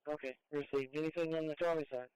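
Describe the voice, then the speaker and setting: A man's voice: a little high, fairly even intonation, fast. Urgent firefighter on noisy, clicking scanner radio, man. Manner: clipped, procedural commands. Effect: two-way radio. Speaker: firefighter on emergency radio, directing units.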